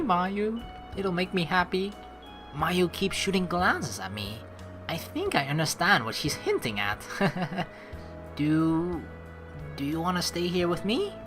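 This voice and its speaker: Playing through a game, a woman hosting a let's play reads the on-screen text out loud in her lowish voice. Her running commentary is playful and expressive.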